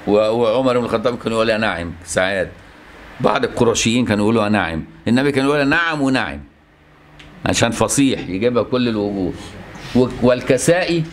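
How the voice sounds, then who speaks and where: A man with an Egyptian Arabic accent teaching a religious lesson as an Islamic scholar, checking on his listeners with rhetorical questions as he explains. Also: medium pitch.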